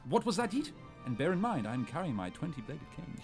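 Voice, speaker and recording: A man's voice: a little high, sing-song, brisk, faint music behind. Pompous old gent, as a man puts him on. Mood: blustering. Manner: pompous, bossy. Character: pompous blustering old gentleman detective.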